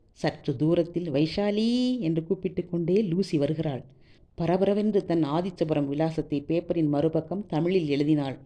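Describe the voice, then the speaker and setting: Woman reading a novel out loud, low mellow voice, steady and expressive. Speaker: storyteller. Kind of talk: reading a serialized novel aloud.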